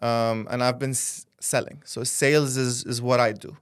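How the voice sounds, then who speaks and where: A man from Dubai hosting a casual interview, asking quick, confident questions. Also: mid-range voice, steady tone, smooth. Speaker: host.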